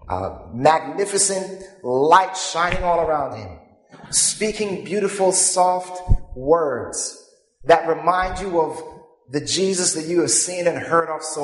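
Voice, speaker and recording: A man with a fairly high voice preaches to a congregation in a deliberate, rhetorical way, pausing so the audience can fill in words. His sermon includes scripture readings and questions to the listeners. The recording is in an echoey hall with long reverb and music behind him.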